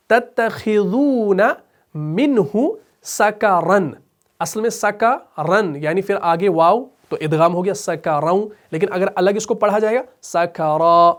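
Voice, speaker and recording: A man teaching Quran recitation rules in a lesson, explaining patiently, asking and answering his own questions, and chanting verses slowly and melodically. He speaks with a Pakistani Urdu accent. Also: high voice. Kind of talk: tajweed lesson with recited examples.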